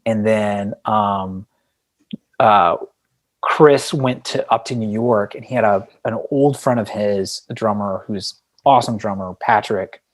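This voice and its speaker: An indie band frontman appears as a podcast guest, talking in a casual, rambling, reflective way with a self-deprecating streak. His voice is fairly low in pitch and unhurried.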